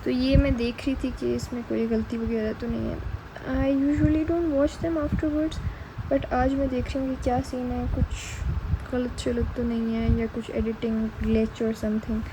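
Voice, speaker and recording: A woman's voice: a little high, little pitch movement, a little slow, background noise. A young woman from Pakistan, a student, chatting through a casual vlog voice-over and switching between Urdu and English mid-sentence. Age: young adult. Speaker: student vlogger.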